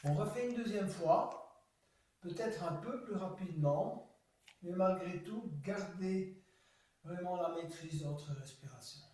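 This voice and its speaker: A man guiding a yoga class, giving slow, calm cues timed to the breath. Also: high voice. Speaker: yoga teacher. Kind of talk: guided yoga class instruction. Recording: echoey room, voice from far off.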